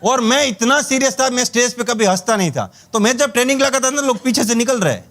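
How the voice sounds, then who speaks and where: A man's voice: very high-pitched, expressive, fast talker, fairly bright tone. A man giving a humorous network marketing training talk, telling stories with acted-out dialogue and chuckles.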